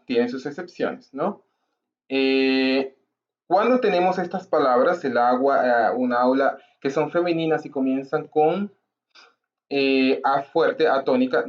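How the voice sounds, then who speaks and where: Male teacher, mid-pitched, slow and clear, keeps checking "ok?", slightly muffled lo-fi sound. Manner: explains slowly, repeats examples, checks in with "¿ok?". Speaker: language teacher. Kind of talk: grammar lesson to camera.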